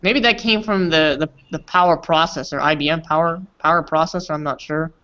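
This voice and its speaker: A man with a bright, forceful voice runs an online English class, throwing questions at his students in a chatty way. The call audio is dull and lo-fi. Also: on the high side, steady tone, brisk. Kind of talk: casual class discussion. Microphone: video call.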